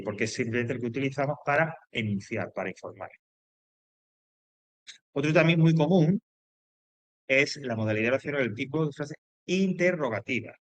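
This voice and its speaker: A man's voice: mid-range voice, fairly bright tone, no echo. Man, teacher, grammar lesson, repeats himself, checks in often, hesitant restarts, dry sound. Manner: explains with repetition and lots of "¿vale?" check-ins; loose, hesitant phrasing with fillers and restarts.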